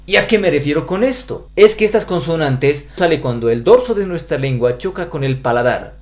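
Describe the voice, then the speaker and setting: A man's voice: fairly high pitch, expressive, fairly quick, a little mellow. A man with a Bolivian Spanish accent giving a pronunciation lesson, carefully spelling out each sound. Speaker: language teacher.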